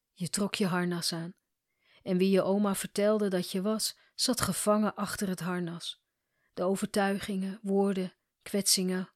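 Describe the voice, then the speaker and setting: Woman coach reading a story out calm and measured, mid pitch, dry sound. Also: no room sound. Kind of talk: scripted narration.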